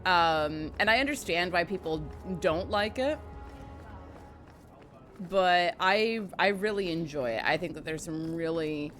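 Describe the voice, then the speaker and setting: A woman's voice: lowish voice, lively intonation, a little slow, a bit bright, soft background music. A woman casually commenting while playing a game, chatty and wry, now and then swearing. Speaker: let's play streamer.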